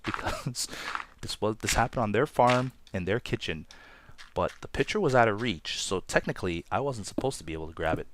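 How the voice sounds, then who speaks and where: A man's voice: lowish voice, noisy background. A man from Toronto hosting a Let's Play, telling a story in a chatty, rambling, self-deprecating way over gameplay. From Toronto, Canada.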